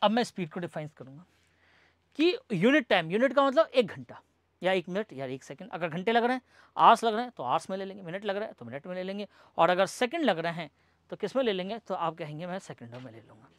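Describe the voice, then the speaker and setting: A man's voice: high-pitched, lively intonation, fast, a bit bright, no echo. A male teacher giving a classroom lecture, asking questions and answering them himself, mixing English terms into his explanation. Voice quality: repeats each point as question and answer. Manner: addresses students as "bhai sahab".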